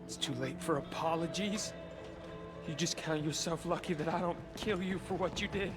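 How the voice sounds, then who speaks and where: A man's voice: a little high, moderate pace, over music, lightly acted. An actor playing an angry young Southern man held captive, in a video game. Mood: bitter.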